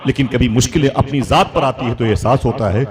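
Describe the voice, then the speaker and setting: A man's voice: mid-range voice, brisk. A man, preaching an emotional religious sermon at a gathering and putting questions to his listeners. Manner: swings from loud exclamations to hushed storytelling; asks the audience questions. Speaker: Islamic preacher. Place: outdoor public religious gathering. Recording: crowd noise from a public gathering. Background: crowd audible.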